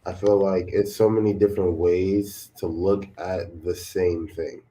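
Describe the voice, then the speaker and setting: Man, very deep voice, earnest, reflective, casual conversation. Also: little pitch movement, measured pace, mellow.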